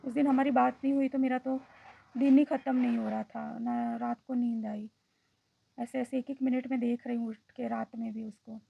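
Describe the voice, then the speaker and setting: A woman's voice: on the high side, level tone, normal speed, vocal fry, slightly rough, narrow, tinny audio. A woman vlogger telling a personal story in a reflective, hesitant way, often slipping into English phrases.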